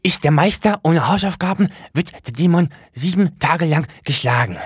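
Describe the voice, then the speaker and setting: A man's voice: a little high, animated, normal speed, slightly rough, no echo, studio quality, voice pushed up. Man doing a fussy little book demon. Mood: anxious. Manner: talks about himself in the third person; formal, anxious, rule-bound. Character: small furry male book demon, timid and fussy.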